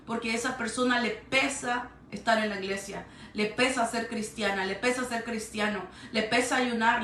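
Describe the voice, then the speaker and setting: A woman's voice: on the high side, fairly bright tone, slight background noise. Woman pastor preaching in an echoey church. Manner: emphatic preaching with repeated phrases. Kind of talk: sermon. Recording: echoey church sound from a distant mic.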